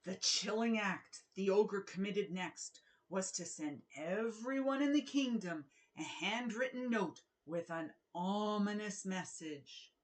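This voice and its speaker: Reading to children from a picture book, this woman uses a deliberate, expressive storytelling style in her mid-range voice.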